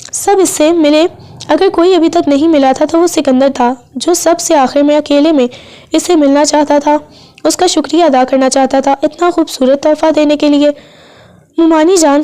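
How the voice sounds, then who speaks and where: A woman narrating a romance novel aloud in a steady, even storytelling read. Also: high-pitched.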